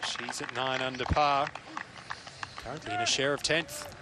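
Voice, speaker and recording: A man's voice: medium pitch, fairly even intonation, moderate pace. A man giving live golf commentary as the lead commentator calls play. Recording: very noisy outdoor broadcast.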